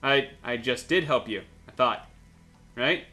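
A man's voice: mid-range voice, measured pace, sharp tone, faint music behind. A man playing a video game, making sarcastic jokes to himself and swearing as he plays. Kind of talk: casual let's-play commentary.

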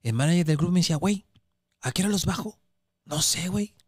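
High-voiced man telling comedy-club stories. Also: quick pace, no echo, studio quality. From Chile. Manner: acts out crowd voices and hecklers, animated storytelling, heavy slang. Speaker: stand-up comedian guest. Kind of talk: casual podcast chat, telling anecdotes.

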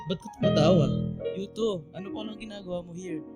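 A woman's voice: on the low side, fairly quick, loud music behind the voice, natural voice. Woman acting Eman, a playful, corny young guy. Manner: joking, teasing. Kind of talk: radio drama dialogue in casual Taglish.

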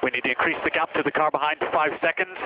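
Fast-talking male race engineer on car radio. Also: fairly high pitch, wildly swooping pitch, gravelly, background noise. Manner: repeats short instructions. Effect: team radio transmission. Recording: slightly dull race radio.

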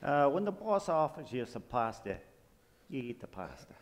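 A man playing a loyal, grumbling mob henchman in a stage comedy, blunt and deadpan. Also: medium pitch, normal speed. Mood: dutiful correcting. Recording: very noisy stage recording.

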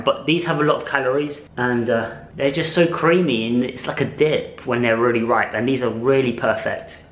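A man's voice: mid-range voice, reverberant, poor audio. A man in casual vlog chat, enthusiastic and chatty, laughing often as he shows his shopping. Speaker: vlogger.

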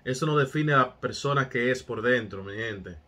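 A man's voice: medium pitch, moderate pace, pushed and bright. A man giving hyped, casual commentary as a music reaction host, talking straight to his viewers with street catchphrases.

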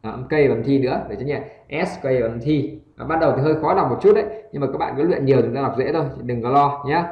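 A man with a Vietnamese accent teaching English pronunciation. He reads a story aloud line by line and breaks in with quick explanations of the sounds in Vietnamese. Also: medium pitch, roomy sound, highs cut off.

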